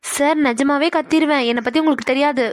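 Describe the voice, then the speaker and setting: A woman voicing a chatty, easily flustered young female office worker in a cartoon, quick to protest. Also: high-pitched, steady tone, no echo, lightly acted. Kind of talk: cartoon voice acting.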